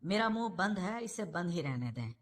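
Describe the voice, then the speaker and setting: A woman's voice: fairly low pitch, big pitch swings. A woman voicing a young man in a novel reading, an earnest son who presses his point. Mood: indignant.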